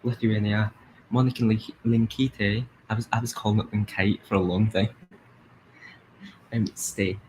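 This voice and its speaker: A man's voice: fairly low pitch, fairly even intonation, fairly quick, darkish tone, a little hiss or hum, low-quality recording. A young Scottish man chatting casually as host of a live stream, rambling with lots of fillers. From Scotland. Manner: chatty, rambling, sings along in snatches.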